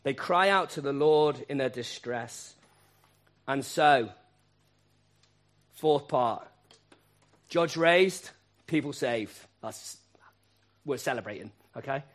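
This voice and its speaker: A man preaching a sermon, asking rhetorical questions and repeating key phrases, moving between quiet asides and loud emphatic peaks. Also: medium pitch, slow pace, pauses often.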